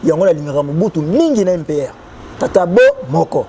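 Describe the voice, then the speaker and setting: A Congolese man, a guest on a talk show, explaining legal clauses in an animated, loose way and sometimes reading the text aloud. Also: on the high side, quick pace, a little hiss or hum. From Democratic Republic of the Congo.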